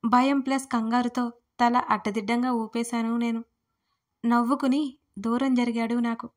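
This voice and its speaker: Expressive woman narrating a romance story. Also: fairly high pitch, a little slow. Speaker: storyteller and author. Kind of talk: first-person romance audio story narration.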